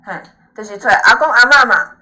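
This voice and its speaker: A woman's voice: fairly high pitch, a little fast, pushed and bright. A woman with a Taiwanese Hokkien accent teaching informally, reassuring and often tagging her points with little questions to check agreement. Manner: encouraging, reassuring. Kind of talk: informal lesson, explaining to a student.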